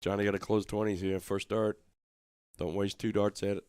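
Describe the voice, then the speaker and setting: Guy chatting darts commentary, kinda low voice, very dry sound. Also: little pitch movement, normal speed, darkish tone, clear, resonant tone, no room sound. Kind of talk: casual sports commentary chat.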